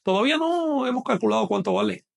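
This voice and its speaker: A man's voice: very high voice, lively intonation, fast talker, gravelly. A man teaching a live online lesson, patiently explaining step by step and asking questions that he then answers himself.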